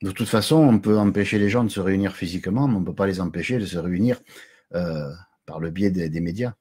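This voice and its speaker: Low husky-voiced man hosting a live chat. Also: fast talker, warm tone. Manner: chatty, jokey, chuckles often. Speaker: live stream host. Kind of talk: casual live chat greeting viewers.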